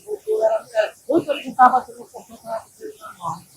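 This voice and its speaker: A woman pastor from Brazil preaching a sermon in an animated way, moving between loud exhortation and quiet asides. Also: a little high, rapid-fire, slight background noise, rough recording. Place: church.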